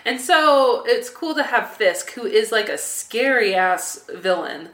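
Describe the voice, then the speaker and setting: A woman co-hosting a casual podcast chat, talking quickly and joking, often laughing mid-sentence. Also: on the high side, expressive, a bit bright. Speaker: podcast co-host. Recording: echoey room.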